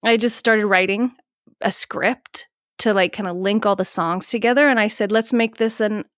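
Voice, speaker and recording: Woman, guest musician, rambling, animated, dry close recording. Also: mid-range voice, normal speed, no room sound. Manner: rambling, animated, acts out her own past remarks. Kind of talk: casual interview chat.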